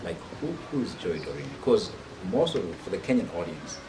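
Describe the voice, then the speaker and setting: A man in his thirties hosting an interview with eager, lively delivery. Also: sits low, fairly quick. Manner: lively, eager with many affirming fillers. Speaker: host. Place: outdoor garden patio. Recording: distant mic with loud background noise.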